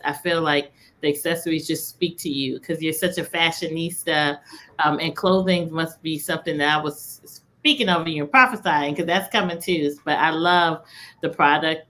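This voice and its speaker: A woman hosting a podcast interview, warmly effusive and encouraging toward her guest. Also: deep voice, steady tone, normal speed, a little hiss or hum. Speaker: podcast host.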